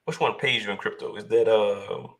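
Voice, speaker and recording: A male podcast host with a slightly low voice runs a relaxed interview. He agrees readily and feels his way through each sentence with stops and restarts. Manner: agreeable, halting, with fillers and restarts. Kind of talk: casual interview chat.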